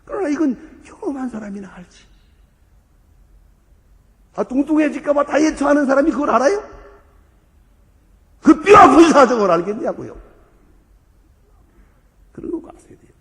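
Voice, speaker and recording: Older male preacher, booming then hushed. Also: big pitch swings, normal speed, pauses often. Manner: swings between booming exhortation and hushed asides, acts out quoted voices. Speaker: pastor. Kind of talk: sermon. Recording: long reverb of a large hall.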